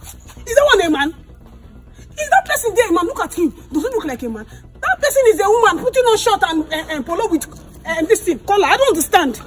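Woman, high lively voice, indignant scolding, skit comedy. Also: fast, soft background music. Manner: indignant, loud scolding with sharp swings. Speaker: comic actor.

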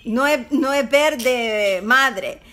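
High bright woman patiently teaching. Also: extremely slow. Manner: patient, corrects and laughs often. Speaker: English tutor and co-host. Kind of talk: casual teaching chat.

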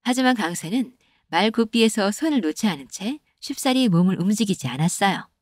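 A woman narrating a comic folktale animation in a gentle storytelling cadence. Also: mid-range voice, animated, a little fast, no echo, clean studio sound.

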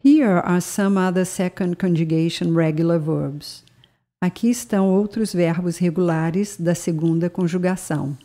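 Lowish and dark in tone, a language teacher's voice moves at a measured pace as she narrates a scripted bilingual lesson, speaking with care and spelling out words.

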